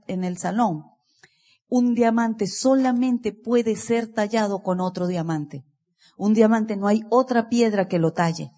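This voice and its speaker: A woman giving an energetic motivational speech to a live seminar audience, asking listeners direct questions. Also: medium pitch, long reverb tail. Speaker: motivational speaker at a business seminar.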